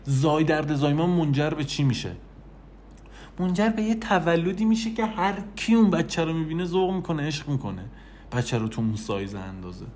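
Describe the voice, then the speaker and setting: Man, motivational speaker, animated delivery, direct address, faint background noise. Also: fairly high pitch. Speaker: self-help speaker. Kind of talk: motivational talk.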